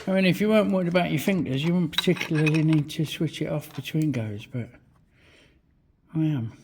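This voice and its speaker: This is a British man with a fairly high voice who talks a little fast, hosting a vlog about hobby machining. Standing by a milling machine in a small home workshop, he gives a casual hands-on demo in short, friendly bursts, swearing freely. Loud clicking and machine and engine noise run throughout.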